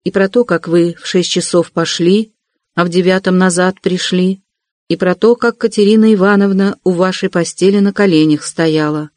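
A man's voice: high-pitched, fairly even intonation, normal speed, darkish tone, no room sound, close to an everyday voice. A man reading an audiobook, voicing a brooding young man with curt, clipped questions, close to his own voice.

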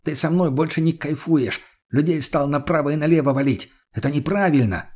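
A jittery young junkie, stubborn and quick to swear and flare up, played by a male narrator. The voice is pitched a little high and sounds husky. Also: a little mellow, lightly acted. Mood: protesting. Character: nervous foul-mouthed young drug addict man, stubborn.

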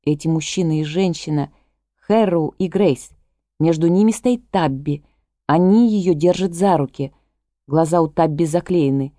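Audiobook narrator: woman, low-set mellow voice, measured even reading, dry close studio sound. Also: dry recording.

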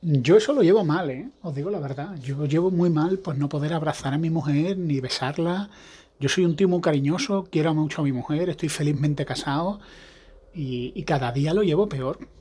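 A man's voice: on the high side, moderate pace, dark tone, breathy edge. A man hosting a podcast, talking in a rambling, casual monologue with frequent restarts. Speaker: podcast host; evangelical pastor.

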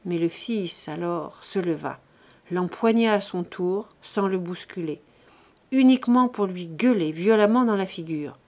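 A woman reading a novel aloud for an audiobook, in steady, clear narration. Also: fairly low pitch, a little slow. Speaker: audiobook reader.

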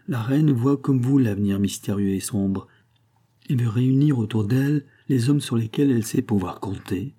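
A man's voice: medium pitch, normal speed, mellow, husky, lightly acted. A man reading an audiobook and voicing a proud, bitter young countess with a raised, tense delivery and touches of irony. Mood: anxious.

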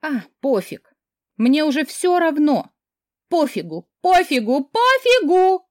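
A woman's voice: high-pitched, big pitch swings, measured pace, no room sound, studio quality, voice pushed up. A woman putting on a drunk, giggly young woman. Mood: careless. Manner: slurring, giggly, dismissive. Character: drunk, tearful young woman, flippant and bitter.

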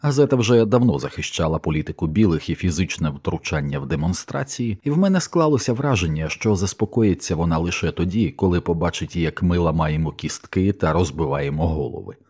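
A man reading a novel aloud as first-person audiobook narration, with a measured, even storytelling delivery. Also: sits low, husky.

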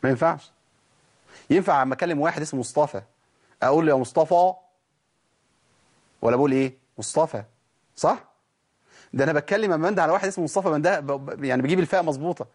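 Egyptian sheikh teaching recitation. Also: male voice, fairly high pitch. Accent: Egyptian Arabic. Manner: explains patiently, breaks into slow drawn-out demonstration sounds. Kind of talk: recitation lesson.

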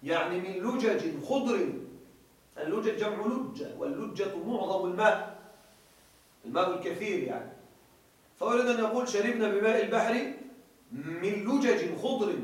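A man teaching a grammar lesson in a lecture room. He reads a passage aloud, explains it, and keeps asking his listeners whether they follow. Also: high-pitched. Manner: checks often that listeners follow. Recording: very echoey room, voice from far off the mic.

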